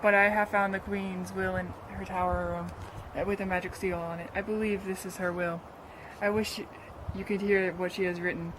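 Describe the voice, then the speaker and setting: A woman playing a grieving friend of a slain queen, a sly orator who speaks haltingly, in an amateur play. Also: medium pitch, little pitch movement, noisy background, natural voice. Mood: coy. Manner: halting, hesitant speech-making.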